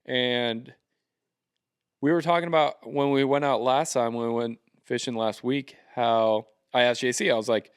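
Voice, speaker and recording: A man's voice: mid-range voice, fairly even intonation, normal speed, clean tone. A young man hosting a casual podcast, rambling and joking, with lots of ums and likes, talking into a handheld mic. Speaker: podcast host. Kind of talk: casual chat. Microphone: handheld karaoke-style mic.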